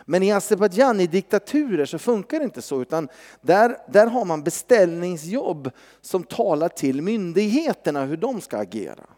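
High-voiced preacher in a hall. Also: male voice. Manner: animated, conversational, frequent tag questions. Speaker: pastor. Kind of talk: sermon with personal testimony.

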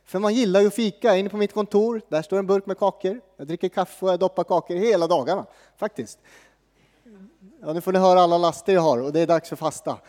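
A man preaches in a loose, joking way, often pausing mid-thought. His voice sits fairly high but sounds warm and mellow, with a long reverb that fills a church. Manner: casual, joking, with many pauses and fillers. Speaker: pastor. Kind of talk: sermon.

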